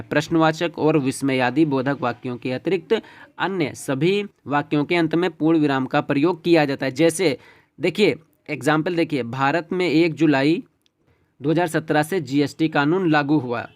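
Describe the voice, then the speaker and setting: A man's voice: fairly high pitch, normal speed. A man teaching an exam-prep lesson, walking through questions and checking in with "ठीक है" and "देखिए" as he goes. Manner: repeats "ठीक है" and "देखिए" as he explains.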